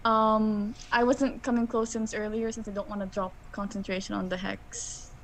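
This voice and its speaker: A woman's voice: mid-range voice, little pitch movement, moderate pace, a little hiss or hum, low-quality recording. A woman talking casually as a player in a tabletop role-playing game.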